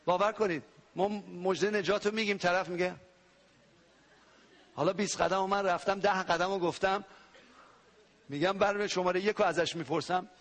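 A man from Iran preaching a sermon to a congregation, animated, with sudden loud cries and playful sound effects. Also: sits high, pauses often. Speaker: pastor.

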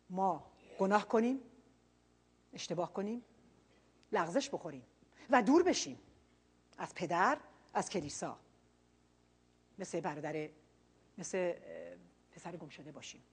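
A woman preacher giving a sermon, earnest, dropping quiet and then rising loud for emphasis. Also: fairly low pitch, slightly rough.

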